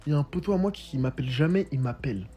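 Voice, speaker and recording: A man's voice: fairly high pitch, lively intonation, very fast, mellow, soft background music. A young man casually retelling a personal story in street slang, full of fillers.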